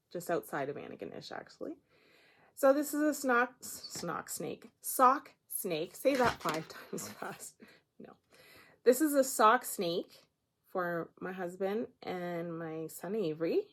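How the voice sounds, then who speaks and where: A woman in her thirties from Nova Scotia, chatting through a show-and-tell of her crafts. Her voice sits low with a gravelly, fry-tinged edge. She rambles a little and laughs at herself as she goes. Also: a little hiss or hum. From Nova Scotia, Canada. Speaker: craft podcast host. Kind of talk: casual show-and-tell chat.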